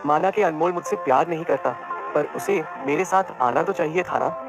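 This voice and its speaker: A man's voice: a little high, normal speed, creaky, over music. A man voicing an emotional, loyal young woman who pleads and defends. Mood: sad.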